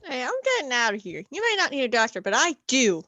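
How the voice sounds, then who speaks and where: A skittish bridge keeper played by a woman in a radio play, high and swooping in pitch, with a close, dry sound. The manner is blunt and suspicious. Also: very animated, fast talker, sharp tone, no room sound, full character voice. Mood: alarmed, suspicious.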